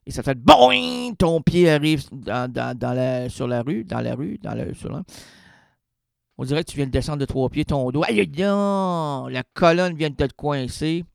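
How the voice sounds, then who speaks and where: A man with a Québécois accent hosting a late-night radio show in a rambling, playful comic monologue, full of vocal sound effects and sudden jumps in pitch. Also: moderate pace, vocal fry, a little mellow, clear, resonant tone, dry recording, clean studio sound. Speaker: radio host. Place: radio studio.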